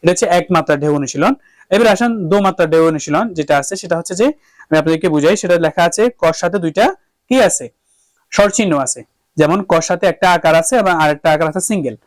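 A man whose voice sits on the high side speaks at a quick pace, recorded without room sound. Teaching singing with a harmonium, he goes through the steps one at a time, asks "okay?" a lot, and sings held vowel exercises.

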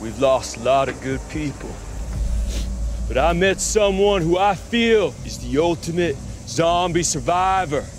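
A man doing a sketch comedy impression of an earnest, intense zombie survivor leader, grave, commanding and halting. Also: a little high, animated. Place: outdoors in a dry field. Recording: outdoor noise with insects.

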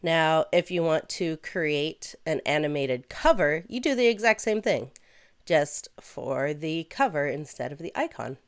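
A young woman hosting a software tutorial, chatty and playful, with asides. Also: sits low, animated, unhurried, clear, resonant tone. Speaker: host. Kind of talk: screen-recorded software tutorial.

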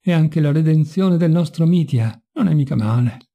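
A man's voice: a little high, expressive, normal speed, creaky, mellow. A man voicing a bitter, mocking young intellectual in a read-aloud novel, with a wry, sardonic manner.

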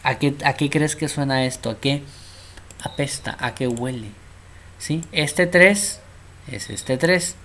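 A man's voice: mid-range voice, gravelly, fairly bright tone. Casual male math teacher. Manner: casual, checks in with the class, repeats words. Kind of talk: informal math lesson at a board.

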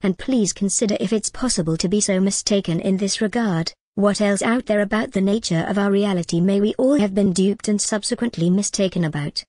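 A woman's voice: medium pitch, a little fast, hardly any pauses, a little mellow, no echo, clean studio sound. A woman delivering a scripted video monologue, mixing wry joking asides with earnest persuasion. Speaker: video creator.

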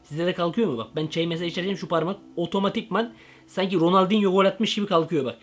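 A young man in a comedic parody vlog, talking in an excitable, slangy way with jumpy asides. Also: high-pitched, fast. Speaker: comedy vlogger.

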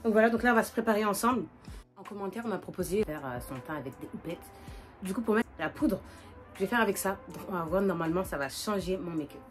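A woman in her twenties with a northern French accent, chatting casually and quickly as a vlogger while doing her makeup, with lots of fillers and restarts. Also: mid-range voice, soft background music. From northern France. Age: 20s. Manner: fast, animated, many fillers and restarts.

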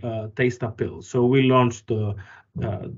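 A man from Greece answers interview questions in a thoughtful, halting way, full of fillers and restarts. His pitch sits in the middle range, and the line sounds a little dull and muffled. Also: fairly even intonation. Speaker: company founder and guest.

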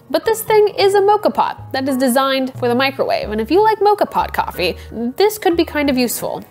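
A young woman in her twenties hosting a casual vlog, playful and chatty, often breaking into giggles. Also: a little high. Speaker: coffee video host. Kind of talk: casual product-review vlog.

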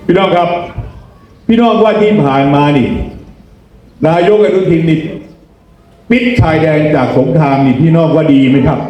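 A man's voice: on the high side, lively intonation, moderate pace, long pauses, warm tone. A man giving a campaign rally speech as a candidate, in a folksy way, repeatedly putting questions to his listeners. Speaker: parliamentary election candidate. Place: rally venue, speaking to a gathered crowd. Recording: echoey public address sound.

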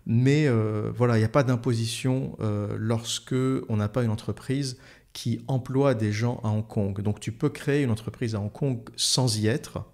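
A man's voice: mid-range voice, fairly even intonation, moderate pace, darkish tone. Heated, sarcastic male commentator. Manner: heated, sarcastic, crude slang, frequent "euh" fillers. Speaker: online commentator. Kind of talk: solo ranting monologue.

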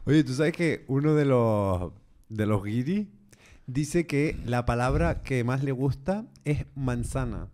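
A man's voice: medium pitch, expressive, takes it slowly, darkish tone. A man co-hosting a podcast in casual chat, joking, laughing often and restarting his sentences. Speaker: podcast co-host.

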